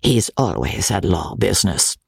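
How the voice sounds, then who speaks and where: Man reading as a grim old cleaning woman in a storybook, husky and dry. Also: low-pitched, big pitch swings, normal speed, no room sound, voice pushed down, full character voice. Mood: grumbling. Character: dour old female charwoman, gloomy, tight-lipped.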